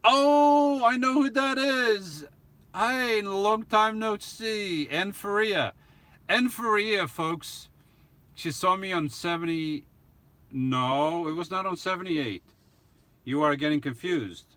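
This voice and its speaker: Speaking in a high voice with lively intonation, this YouTube host takes it slowly, his tone sharp and the sound free of echo. He's a middle-aged man with a foreign accent, rambling through replies to his live-stream chat and restarting sentences with little chuckles.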